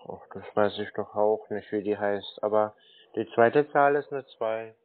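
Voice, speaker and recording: Through narrow, tinny telephone audio, a man with a lowish voice speaks a little slowly. As a scambaiter, he plays a naive, confused, literal-minded customer, making the phone conversation slow and bumbling.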